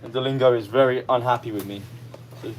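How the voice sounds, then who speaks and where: A young man from near London, England, with a London-area English accent, hosts a livestream and answers comments in a casual, easygoing way. His medium-pitched voice has fairly even intonation, and he talks fast. The stream is clearly noisy with ambient sound.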